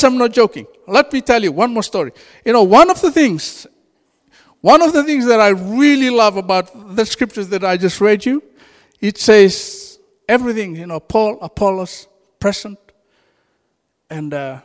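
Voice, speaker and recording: In a reverberant hall, a man with a high voice and a Fijian accent, a native Fijian speaker, delivers an informal sermon with animation and frequent laughter.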